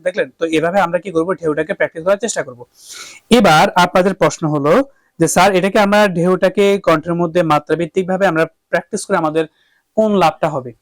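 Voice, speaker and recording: A man's voice: sits high, fairly even intonation, brisk, dry recording. A man teaching a singing lesson who explains each step, checks in with the class, and sings vowel exercises. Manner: explains step by step, often asks "okay?", then sings sustained vowel drills. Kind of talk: vocal lesson with harmonium.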